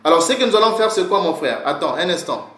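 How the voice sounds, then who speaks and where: High-voiced man teaching, echoey room. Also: sing-song, fast, fairly bright tone. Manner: repeats "mon frère", asks and answers his own questions. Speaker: teacher of word origins. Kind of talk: informal lesson.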